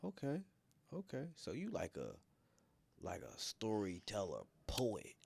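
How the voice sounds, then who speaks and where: Rambling lower-voiced male podcast host. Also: a little slow, creaky, slightly rough, no echo. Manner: rambling, animated, laughs often. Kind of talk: casual interview chat.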